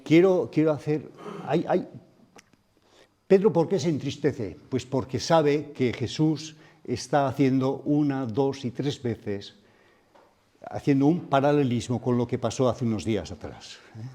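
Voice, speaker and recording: A man with a mellow, warm voice preaches a sermon at a men's retreat. He speaks in a reflective way and keeps turning to the room with questions. His pitch sits in a mid range for a man. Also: measured pace. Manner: reflective, asks the audience questions.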